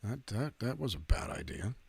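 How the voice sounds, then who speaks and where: Husky rambling livestream host, a man. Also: medium pitch, very animated, moderate pace, a little mellow. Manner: rambling, self-deprecating joker. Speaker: singer-songwriter hosting a livestream. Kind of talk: casual livestream chat.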